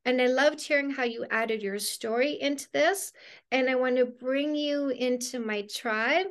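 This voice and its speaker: A middle-aged woman from Canada, a dating coach hosting an interview over a video call from her living room, speaking with effusive enthusiasm. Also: fairly high pitch. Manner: effusive, warm affirmations.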